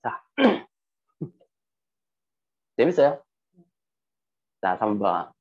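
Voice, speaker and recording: A lively man with a husky, fairly low voice lectures an audience on sales and emotions, drawing out his words. He asks rhetorical questions and acts out quoted dialogue. The recording sounds dull and lo-fi.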